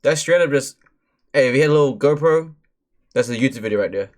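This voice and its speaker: A man with a mid-pitched voice streams live and chats casually over a story. He sounds laid-back and uses plenty of slang. Clicks can be heard now and then. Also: fast talker, darkish tone. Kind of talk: casual chat.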